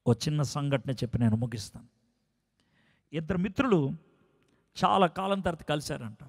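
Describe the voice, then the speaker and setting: A man preaching a sermon as a dramatic story, swinging from soft, hushed lines to loud climaxes. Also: fairly high pitch, expressive, moderate pace, vocal fry, husky. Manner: acts out quoted dialogue in story.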